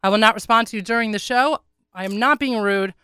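Hoarse, congested American woman hosting radio. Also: on the high side, fast talker, sharp tone, no room sound, clean studio sound. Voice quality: hoarse, froggy, swallowed-sounding voice. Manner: self-deprecating, wry. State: congested, under the weather. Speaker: radio show host. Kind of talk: casual chatty radio monologue.

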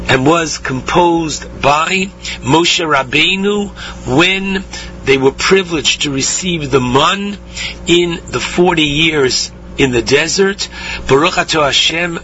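A man gives a religious talk as a rabbi, teaching in a deliberate, emphatic way with pauses. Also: a little high, bright, forceful tone. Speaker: rabbi giving a Torah talk. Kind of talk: religious sermon on scripture and blessings. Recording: dull radio-like sound, faint hum and noise.

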